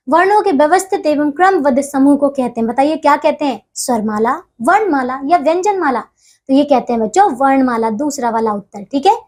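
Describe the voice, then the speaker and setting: A woman with a high voice leads a lesson for young children. She talks patiently, walks through each exercise step by step and keeps checking that her listeners are following. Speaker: teacher.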